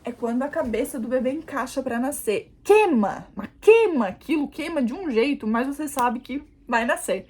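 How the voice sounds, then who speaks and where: A young woman with a high voice tells a personal story to her camera. She talks casually and animatedly, turning to her viewers often as she shows what happened. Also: normal speed, hardly any pauses, breathy edge. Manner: animated, addresses viewers as "gente", demonstrates positions. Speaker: vlogger, new mother.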